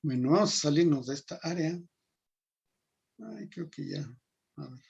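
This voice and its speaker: A man's voice: on the high side, animated, moderate pace, gravelly, a little mellow, husky, highs cut off. A man teaching an online engineering class, thinking aloud and muttering to himself as he works on screen. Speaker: engineering lecturer.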